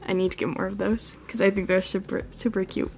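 Filming close with a handheld camera in a carpeted room, the host of a model horse channel gives a casual walkthrough. Her mid-range, slightly mellow voice is fairly quick and flat, with vocal fry, and there is slight background noise. She chats freely and uses many "like"s and "um"s.

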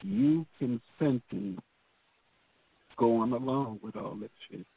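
This talk-show co-host is slow and husky, with a medium pitch, and he swears heavily while speaking bluntly and with emphasis in casual conversation. The recording is dry and comes through a tinny phone line.

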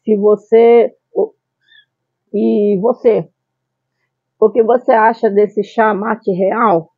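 A middle-aged woman with a Brazilian accent hosting a casual product review vlog, announcing her phrases deliberately, on a phone-like recording. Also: medium pitch, fairly even intonation, breathy edge, no echo. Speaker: YouTube channel host. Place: small tiled room at home, indoors. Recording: phone-like, band-limited sound.

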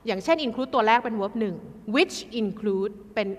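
A woman tutoring an exam class in a lively, chatty way, addressing students like kids. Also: mid-range voice, a little slow, big-room sound.

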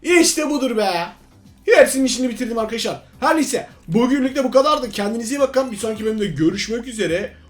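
A young man hosting a gaming channel, giving excitable live commentary on his play and talking to viewers as friends. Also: very high-pitched, fast talker, few pauses.

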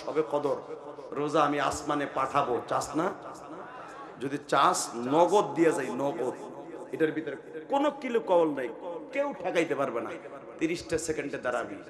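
A man preaching a fiery sermon at a large outdoor gathering, commanding the crowd and rising into shouted, chanted appeals. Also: medium pitch. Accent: Bangladeshi Bengali. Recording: echoey open-air PA with crowd.

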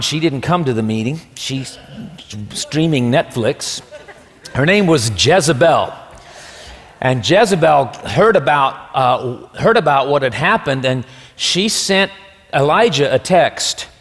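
A male pastor preaches with a slightly raised voice and an animated, joking way of telling stories. His words carry through a church sanctuary with a long, lingering reverb. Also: on the high side. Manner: humorous, animated storytelling. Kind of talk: sermon.

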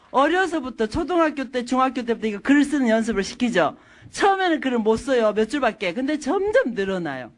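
A middle-aged woman lecturing an audience through stories from her own family life. Her pitch swings widely as she talks. She tells each anecdote with animation and acts out the people in it. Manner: animated storytelling, acting out quotes.

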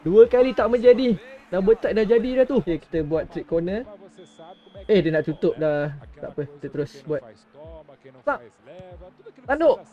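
A man's voice: high voice, expressive, normal speed, long pauses, highs cut off. A young Malaysian man giving reactive live commentary as he plays a mobile football game, in short exclamations and muttered asides. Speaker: gaming streamer.

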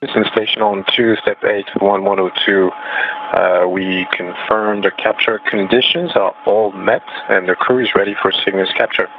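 A man on the space station crew, reading back checklist steps in a measured, clipped way over a space-to-ground radio with beeps. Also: lowish voice, steady tone. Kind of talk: terse radio procedure readback. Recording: tinny radio link with faint hiss.

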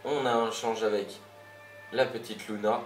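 Chatty low-voiced man narrating gameplay. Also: steady tone, measured pace. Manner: rambling, chatty, mild swearing. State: a bit irritated. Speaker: gameplay commentator. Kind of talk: casual gameplay commentary. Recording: roomy voice with game music behind.

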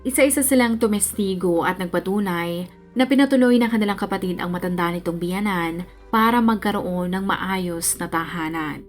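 Low-voiced woman narrating true crime. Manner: steady, measured storytelling. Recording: faint background music.

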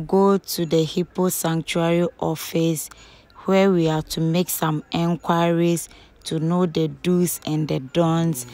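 Slow-talking woman vlogging on the road. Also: low voice. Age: young adult. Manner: chatty, addresses viewers directly. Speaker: travel vlogger. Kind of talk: casual travel vlog. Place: outdoors on roads and in vehicles. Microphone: phone at arm's length. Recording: loud road and vehicle noise. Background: traffic and engine noise.

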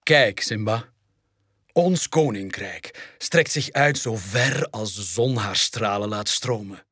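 A man's voice: on the low side, slow pace, bright, forceful tone, breathy edge, dry recording, studio quality, exaggerated voice. A man with a Flemish accent voicing a stern, wise adult lion king in a storybook reading. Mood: solemn.

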